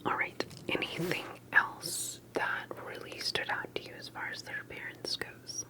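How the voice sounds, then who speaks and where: A woman plays the interviewer in an ASMR roleplay, posing her questions gently and carefully at a measured pace in a soft, breathy whisper.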